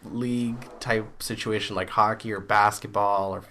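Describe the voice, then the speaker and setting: A man's voice: lowish voice, steady tone, normal speed, pushed and bright, slight background noise. A man co-hosting a podcast in casual chat, blunt and opinionated, swearing freely. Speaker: podcast co-host.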